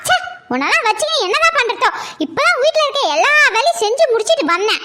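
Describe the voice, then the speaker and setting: A woman's voice: very high-pitched, big pitch swings, fast, heavily acted. A woman playing a bossy, scolding middle-aged mother-in-law in a comic skit. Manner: sharp, nagging, shouting complaints.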